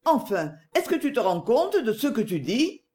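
A reader voicing a defiant, ironic middle-aged woman with sharp, indignant retorts, in an audiobook. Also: a little high, sing-song, moderate pace, voice pushed up. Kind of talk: audiobook dialogue.

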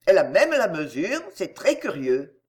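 A woman's voice: fairly low pitch, sing-song, normal speed, darkish tone. A woman voicing an enthusiastic, opinionated male theatre manager in a read-aloud story. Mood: appraising.

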